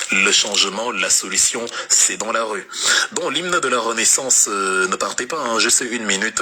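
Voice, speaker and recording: A man's voice: fairly low pitch, sharp tone, slightly rough. A man with a light Cameroonian French accent, giving an impassioned political monologue on a livestream, repeating himself with stammering restarts. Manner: emphatic, repetitive, stammering restarts. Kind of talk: impassioned political monologue reacting to viewer comments.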